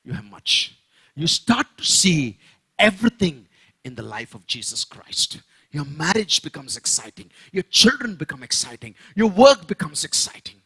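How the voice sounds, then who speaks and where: A man with an Indian English accent preaches in church with an emphatic, swooping delivery. His voice sits high and bright, with a slightly husky edge, and now and then it climbs almost to a shout. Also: sing-song, moderate pace. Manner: emphatic, rising to shouts on key phrases. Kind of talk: sermon.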